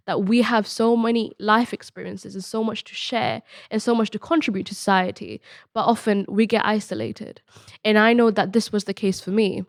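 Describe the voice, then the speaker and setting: A woman's voice: mid-range voice, no room sound, clean studio sound. A young woman of eighteen, born in Bangladesh and raised in Spain, earnestly telling her story as a podcast guest, with many restarts and ums. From born in Bangladesh, grew up in Spain. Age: late teens. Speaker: podcast guest, student mentor. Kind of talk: podcast interview, personal story.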